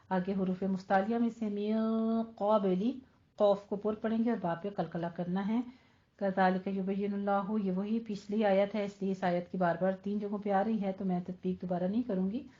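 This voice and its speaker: A woman teaching Quran recitation rules in a tajweed lesson, explaining slowly and drilling words over and over. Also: medium pitch, mellow, dull audio. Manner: slow, instructive, drills words repeatedly.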